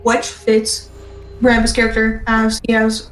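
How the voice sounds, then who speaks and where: A woman's voice: a little high, monotone, a little slow. A woman in a casual voice chat, earnestly rambling through an explanation while friends play. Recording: echoey, distant voice-chat mic with faint noise.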